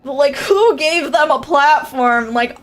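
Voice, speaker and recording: Faint music sits behind a young woman's high, nasal voice speaking slowly. A VTuber streamer and creator coach, she chats and rambles casually on a livestream, full of fillers and laughter.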